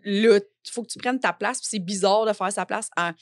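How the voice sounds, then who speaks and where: A woman with a Québécois French accent hosting a podcast, relaxed and agreeable, with frequent "yeah" backchannels. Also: medium pitch, normal speed, no room sound. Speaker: podcast host. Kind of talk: casual podcast chat.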